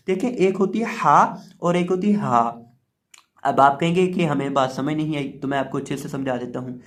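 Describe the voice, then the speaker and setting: A man with a high, light voice gives a tajweed lesson as a Quran teacher. He explains each rule patiently, one step at a time, and repeats his examples. Now and then he drops into slow, chanted recitation to show how it should sound.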